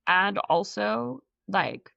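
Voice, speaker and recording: A woman's voice: mid-range voice, very animated, very slow, creaky, fairly bright tone, dry recording. A woman in her thirties with a mixed Scottish and American accent, chatting casually as an interview guest, full of "like" and "um". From North East Scotland. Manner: chatty, many "like" and "um" fillers. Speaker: guest actress. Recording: dull lo-fi sound.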